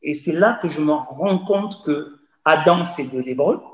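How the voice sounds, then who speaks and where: A guest from Cameroon, a man in his forties, recounts his personal story in conversation with earnest, repetitive storytelling. His slightly high voice is animated but keeps a measured pace. The room gives the recording an echo.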